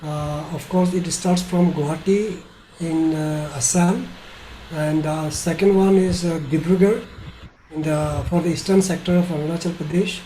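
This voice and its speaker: Middle-aged male presenter, Indian accent, hesitant delivery, dark soft tone, faint call noise. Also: fairly high pitch, steady tone. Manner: halting, hesitant. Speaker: tour operator presenting. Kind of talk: informal webinar presentation. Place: small bedroom indoors, video call. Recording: slightly noisy video call.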